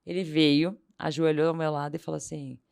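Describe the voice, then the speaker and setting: A woman tells a story at a quick clip as a guest on a casual interview show. Her voice has a gravelly, creaky texture, and she acts out the lines of the people in her story. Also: low voice. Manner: animated anecdote-telling, acting out quoted dialogue. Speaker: podcast guest.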